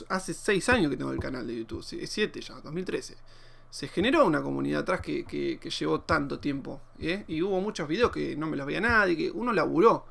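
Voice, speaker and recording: An Argentine man talks through a casual podcast monologue at a rapid clip. His voice sits a bit high for a man and has a gravelly, fried edge. He keeps it slangy and animated and acts out what other people say. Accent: Argentine Spanish. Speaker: podcast host and YouTuber.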